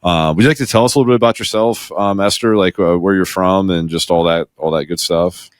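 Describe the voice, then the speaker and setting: A man hosting a podcast, asking questions in a halting, casual way. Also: low-pitched, no room sound, clean studio sound. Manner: halting, many fillers and restarts. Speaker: podcast host. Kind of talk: casual interview.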